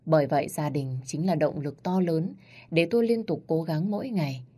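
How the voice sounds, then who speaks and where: Low-voiced woman narrating a story. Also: moderate pace, warm tone, breathy edge. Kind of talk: first-person audiobook narration.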